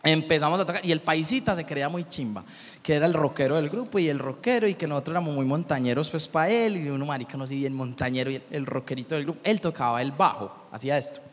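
Man, high voice, animated storytelling, reverberant hall sound. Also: quick pace. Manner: animated, profane, laughing while telling. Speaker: comedian telling a story. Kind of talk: casual storytelling chat.

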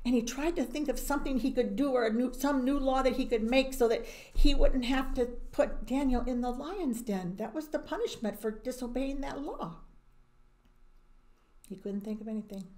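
A woman telling a Bible story to children, animated and sometimes dropping to a whisper for emphasis. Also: sits high, normal speed. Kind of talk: expressive storytelling.

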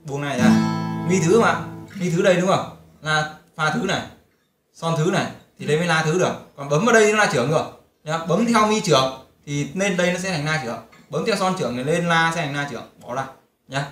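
A man giving a casual guitar lesson, explaining chords and strumming and breaking into hymn lines. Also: high voice. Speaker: guitar teacher. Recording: roomy sound with loud guitar. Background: loud guitar playing.

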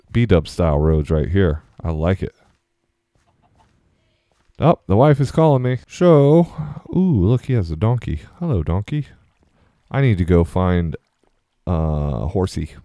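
A man's voice: low voice, mellow, dry recording, studio quality. A young man giving casual, rambling commentary as he plays a game and tours a server. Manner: chatty, meandering, easily distracted. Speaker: Let's Play host.

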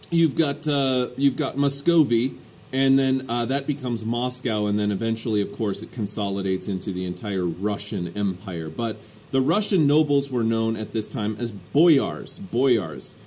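A man delivers a history lesson in a loose, conversational way, filling pauses with plenty of ums and uhs. His voice sits at an ordinary middle pitch. A faint hum of room ambience runs under the recording. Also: darkish tone. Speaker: history teacher. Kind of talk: recorded classroom lecture.

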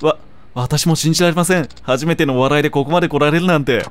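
A man's voice: on the high side, fast talker, slight background noise, close to an everyday voice. A man reading as a shy teen girl idol. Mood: earnest. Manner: soft, polite, hesitant stammer. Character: shy teenage girl idol, polite and earnest.

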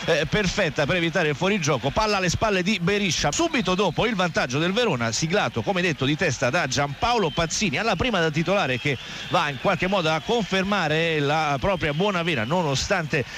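Casting: Italian man, high voice, urgent live football play-by-play, noisy outdoor ground. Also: animated, a little fast. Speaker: radio football commentator. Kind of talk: live football radio commentary. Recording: noisy outdoor stadium radio broadcast. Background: loud stadium ambience.

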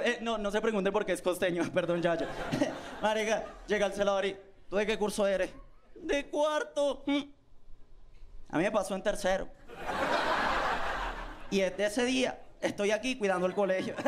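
A man with a Colombian accent doing a live stand-up set, telling slangy stories and acting out voices. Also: high-pitched. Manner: slangy storytelling with acted-out voices. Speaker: stand-up comedian. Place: comedy stage with a live audience. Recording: live stage recording with crowd laughter and noise.

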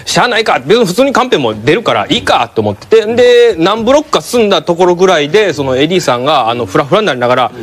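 Fast, excitable man telling a story. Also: high-pitched. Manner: fast and excitable, acting out the people in his story. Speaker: comedian guest. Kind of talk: comic anecdote on a talk show. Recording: studio audience laughter. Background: audience laughing.

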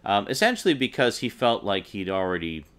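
A man with a fairly low voice talks through a film review. His delivery is casual and enthusiastic. He keeps it loose and chatty, with plenty of fillers. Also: very animated, fairly quick, a bit bright. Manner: enthusiastic, conversational, with many filler words.

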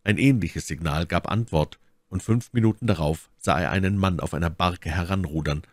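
A man reading a classic novel aloud as a narrator, with expressive, dramatic narration. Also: deep voice, normal speed, no echo, studio quality. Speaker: audiobook narrator.

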